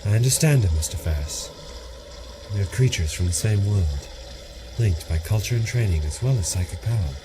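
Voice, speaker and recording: An actor playing a commanding, wry alien time-traveller in an audio drama, with an assured, theatrical delivery. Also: male voice, on the low side, expressive, moderate pace, noisy background, lightly acted. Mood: measured, assured.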